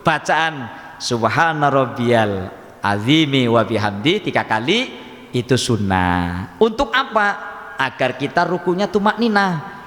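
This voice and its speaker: At a study group in a mosque hall, a man gives a religious lesson in a slightly high, fairly bright voice. He's chatty, often speaks directly to the audience, and imitates regional pronunciations. The echoey reverb of the hall is audible in the recording.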